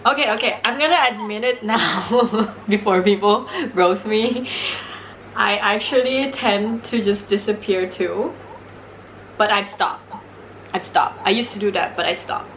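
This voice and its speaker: A woman's voice: mid-range voice, unhurried, a bit bright, poor audio. Casting: young woman, giggly, candid mukbang host, casual sweary chat, faint background noise. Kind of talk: casual real-talk chat over a meal.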